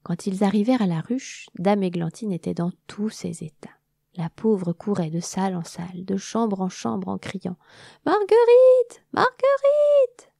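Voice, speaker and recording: A woman storyteller reading a children's story aloud with an expressive narration. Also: on the low side, normal speed, creaky, husky, no echo, studio quality.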